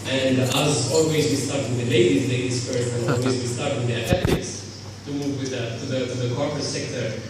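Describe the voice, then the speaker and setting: A man's voice: mid-range voice, fairly even intonation, fairly quick. A man from Tunisia giving an earnest, emphatic conference speech and then moderating a panel. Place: large conference hall. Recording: echoey hall, distant mic, background noise.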